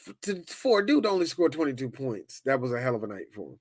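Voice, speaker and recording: A man co-hosting a casual sports podcast, loud and profane, joking with his co-host. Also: medium pitch, big pitch swings, quick pace, no room sound.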